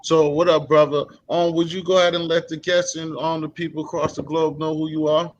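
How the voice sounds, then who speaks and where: A man's voice: a little high, level tone, brisk, lo-fi sound, a little hiss or hum. A man hosting a casual interview, talking in a loose, rambling way with lots of fillers. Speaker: host.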